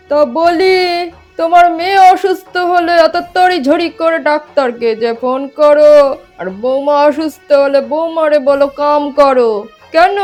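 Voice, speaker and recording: A woman's voice: high-pitched, a little mellow, lightly acted. A woman playing a husband who reproaches his wife in a comedy sketch. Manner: reproachful, questioning. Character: fair-minded husband scolding his wife.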